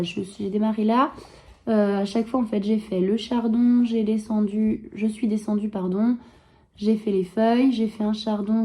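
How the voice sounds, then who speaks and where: A woman's voice: medium pitch, dark tone. A woman chatting casually as she shows her embroidery work, full of fillers and hesitations, and sometimes dropping to a murmur while she checks something. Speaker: embroidery vlogger. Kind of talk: casual show-and-tell.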